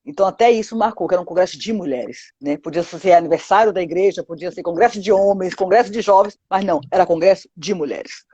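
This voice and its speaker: A woman's voice: on the low side, quick pace, few pauses, warm tone, breathy edge, no room sound, muffled recording. A woman with a Brazilian Portuguese accent telling her testimony to a pastor in an interview, acting out quoted dialogue with lots of 'sabe?'. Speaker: guest giving a testimony.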